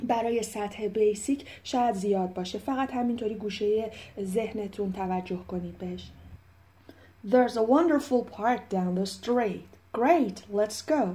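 Woman, Persian accent, English teacher, patient explaining, slow clear English examples, mellow tone. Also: medium pitch. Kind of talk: explaining vocabulary.

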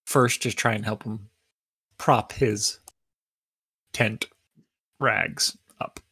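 Gravelly dry-sounding man at the game table. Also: lowish voice, fairly even intonation, drawn-out words, pushed and bright, no room sound. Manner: thinking aloud, easygoing. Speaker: player. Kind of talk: casual tabletop game play.

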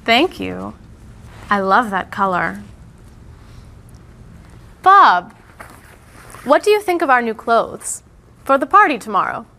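Chatty young woman played by an actress, high lively voice, scripted dialogue clip. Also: slow pace, creaky, long pauses, heavily acted. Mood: cheerful.

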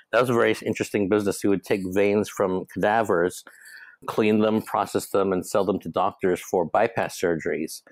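A man from Hong Kong, in his thirties, telling his story as a podcast guest in a relaxed, rambling way with fillers. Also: on the low side, no room sound, rough recording. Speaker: guest, startup co-founder. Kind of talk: casual interview talk.

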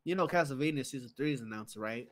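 A man's voice: mid-range voice, quick pace. A man co-hosting a podcast, eagerly retelling anime plots in casual chat. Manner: eager storytelling, retells scenes. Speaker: podcast co-host.

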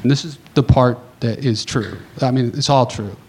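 A man on a conference panel telling a long anecdote in a casual, animated way, acting out the dialogue and tossing in quick asides. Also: mid-range voice, slightly rough. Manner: animated, acts out dialogue, chatty asides with "right?".

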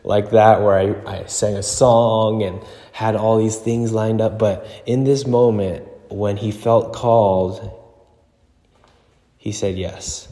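A man's voice: lowish voice, steady tone, slow pace, dark tone. Man talking in a very echoey gym. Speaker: podcast host and relationship coach. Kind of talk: casual solo talk, unscripted. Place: indoors in an echoing gym. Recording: very echoey gym, long reverb.

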